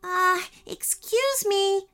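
A woman's voice: very high-pitched, very slow, bright, forceful tone, pitched above the performer's own voice, full character voice. A woman voicing a plucky, polite young girl on a quest in a storybook reading. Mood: earnest.

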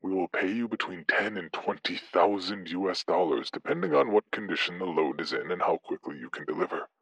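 Male narrator doing an eerie unseen radio dispatcher, formal and polite, low and husky. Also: animated, brisk, a bit bright, no echo, heavily acted, rough recording. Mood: smooth, formal. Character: otherworldly voice over a CB radio, calm and businesslike.

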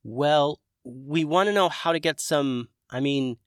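A man voicing a polite young dragon who talks hesitantly, in halting bits. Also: fairly high pitch, clear, resonant tone, no echo, studio quality, pitched above the performer's own voice, natural voice. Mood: earnest.

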